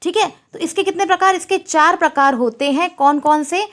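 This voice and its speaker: A woman's voice: extremely high pitch, fairly quick, a bit bright. A woman teaching a Sanskrit exam-prep lecture, asking questions and repeating the answers.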